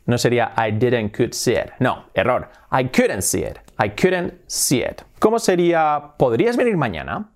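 A man from Spain teaching English in a video lesson, repeating example words slowly and carefully. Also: medium pitch, sing-song. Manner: slow, drawn-out repetition of example words.

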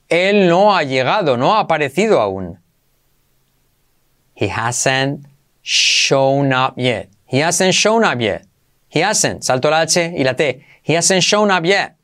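A man teaching English to Spanish speakers, saying phrases slowly and repeating them while he explains pronunciation. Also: fairly high pitch, fairly bright tone. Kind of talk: bilingual language lesson.

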